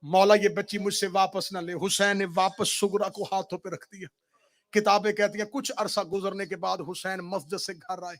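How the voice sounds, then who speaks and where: A man with a high-pitched, level voice, a religious orator, recites a mourning sermon. He tells it as mournful, dramatic storytelling, voicing the people in the story.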